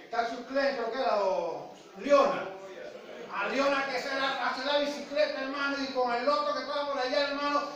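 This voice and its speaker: A male pastor with a Venezuelan accent preaching a lively sermon, full of boxing and vendor sound effects. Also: extremely high pitch, far from the mic. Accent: Venezuelan Spanish. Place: church. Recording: echoey church hall, voice from afar, congregation audible.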